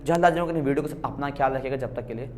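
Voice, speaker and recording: A man's voice: medium pitch, rapid-fire, darkish tone, a little hiss or hum. A male teacher giving a grammar lesson on video, calling students "beta", asking questions and answering them himself, repeating key words. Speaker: English teacher.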